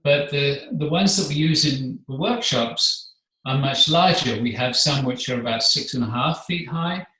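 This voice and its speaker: A man speaking as a guest, explaining his spiritual work in a measured, earnest way. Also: mid-range voice, sharp tone. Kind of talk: calm explanatory conversation. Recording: echoey room, distant mic.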